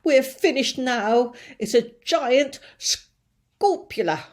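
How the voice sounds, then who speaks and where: A woman voicing a panicky, blustering male fire chief who shouts in drawn-out alarm, read aloud from a storybook. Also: sits high, lively intonation, pitched above the performer's own voice, heavily acted. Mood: panicked.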